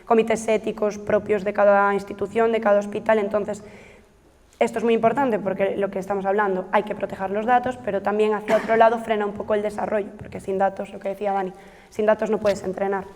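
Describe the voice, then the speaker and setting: A female researcher explains a technical project to trainees, full of fillers and self-corrections. She talks fast in a flat, mid-range voice with a darkish tone, and a long hall reverb surrounds her.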